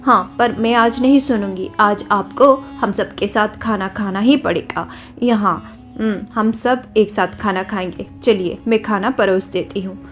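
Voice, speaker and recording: A woman's voice: mid-range voice, a little slow, faint music behind, close to an everyday voice. A young woman voicing a caring, coaxing daughter-in-law in a cartoon story. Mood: sweet.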